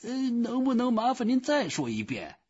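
Man doing a high, stammering phone clerk. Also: wildly swooping pitch, moderate pace, darkish tone, husky, full character voice. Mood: puzzled. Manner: filler-laden, stammering "uh". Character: hesitant, fussy male phone clerk, bureaucratic. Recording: dull lo-fi recording.

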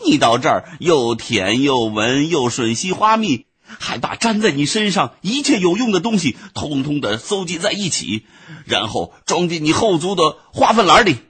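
A man voicing a hot-tempered boy who has become an ant, arguing loudly and in exasperation in a storybook reading. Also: on the high side, sing-song, normal speed, slightly rough, voice pushed up, full character voice. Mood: furious. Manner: blustering, loud and exasperated.

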